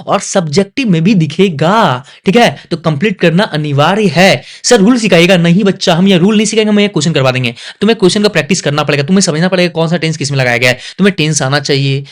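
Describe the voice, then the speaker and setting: A young man teaching an exam revision lesson, asking his students quick questions and coaxing and scolding them. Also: fairly high pitch, lively intonation. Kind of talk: casual online exam lesson.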